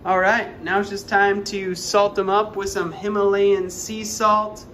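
A man's voice: high-pitched, level tone, a little slow, background noise. A young man vlogging at home, chatting upbeat and directly to his viewers. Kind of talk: casual chat to camera. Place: home, indoors, living room and kitchen.

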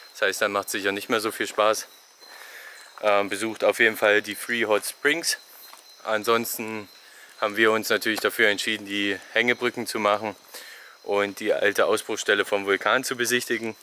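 A young man with a lowish voice vlogs as he strolls through a rainforest park, holding the selfie camera at arm's length. He's relaxed and chatty, casually handing out travel tips, with a bit of noise in the background.

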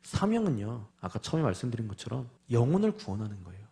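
A male preacher delivering a sermon, acting out voices in dialogue and dropping to soft, quiet endings after raised lines. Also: medium pitch, quick pace, creaky. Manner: animated, acts out God and Moses in dialogue.

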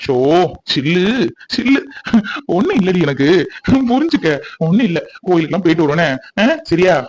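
A man voicing a gentle young husband in a cartoon, comforting his crying wife. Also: high-pitched, very animated, moderate pace, low-quality recording. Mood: soothing. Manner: comforting, coaxing. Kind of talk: cartoon voice acting.

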